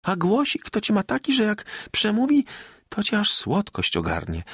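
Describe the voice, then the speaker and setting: An excited, out-of-breath peasant wife chatters on in rustic country talk in this storybook reading, her voice lifted well above the reader's own. A man acts her out, keeping his creaky grain under the high, swooping lines. It was recorded in a dry, close studio. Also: normal speed, no room sound, exaggerated voice. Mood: gushing. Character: chattering breathless village wife, middle-aged woman.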